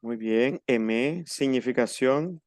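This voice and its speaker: Patient male French teacher, smooth voice. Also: medium pitch, a little mellow, no echo, clean studio sound. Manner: patient, slows down to model pronunciation. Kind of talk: online class instruction. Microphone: video call.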